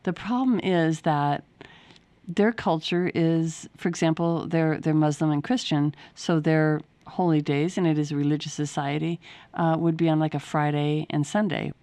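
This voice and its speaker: A woman's voice: low voice, fairly even intonation, moderate pace, warm tone, no room sound. A middle-aged woman, an author, explaining things in a radio interview in an earnest way, often restarting her sentences. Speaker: author and guest.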